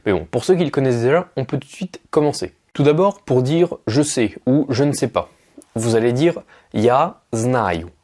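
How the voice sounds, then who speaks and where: A man's voice: medium pitch, animated, dark tone. Man teaching Russian phrases. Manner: explains patiently, repeats phrases slowly. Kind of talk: casual video lesson.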